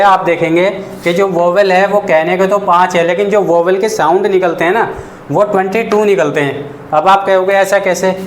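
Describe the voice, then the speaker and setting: A high-pitched man teaching beginners, slowly and patiently, often asking the class simple questions. The room is echoey, with a faint hiss behind him. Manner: patient, repeats points and asks the class questions. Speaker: English teacher. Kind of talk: classroom lesson explaining basics.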